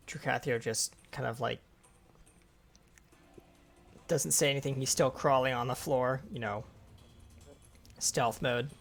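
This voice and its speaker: A man's voice: medium pitch, steady tone, moderate pace, vocal fry, soft background music. A man casually narrating his character's actions as a player in a tabletop role-playing game.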